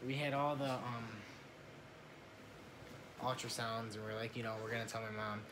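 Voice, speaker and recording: A young adult man, a family vlogger, casually tells a personal story to camera, often repeating his words as he goes. His voice is medium in pitch, fairly even in intonation and a bit bright, at normal speed, in a noisy home recording.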